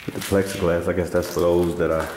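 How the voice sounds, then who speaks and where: Urban explorer, male, very deep voice, relaxed street-talk narration. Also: fast, roomy sound, a little hiss or hum. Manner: laid-back, streetwise, swears casually. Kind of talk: casual walk-through narration. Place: indoors in an abandoned police station.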